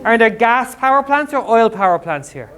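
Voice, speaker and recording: A male English teacher in a school classroom, explaining words to students with quick, jokey everyday examples. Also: very high-pitched, expressive, fairly bright tone.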